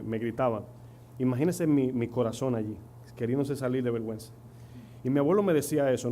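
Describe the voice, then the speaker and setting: Speaking from the pulpit with a warm, medium-pitched voice, this middle-aged man from the Dominican Republic weaves stories into his sermon and asks his listeners rhetorical questions. His accent is Dominican Spanish, and faint hum and noise sit under the church recording.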